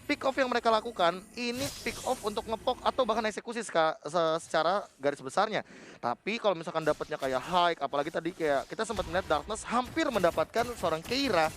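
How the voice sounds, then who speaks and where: A man's voice: high voice, expressive, fast talker, fairly bright tone, slight background noise. A man giving analytical esports commentary as a caster, explaining things with English gaming jargon mixed in.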